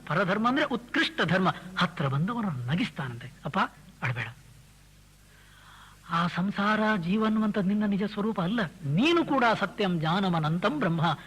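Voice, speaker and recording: Bright high-voiced man giving a spiritual discourse. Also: big pitch swings, husky, low-quality recording. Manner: recites verse lines slowly and drawn out; asks listeners rhetorical questions. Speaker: spiritual teacher. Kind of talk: spiritual discourse explaining verses.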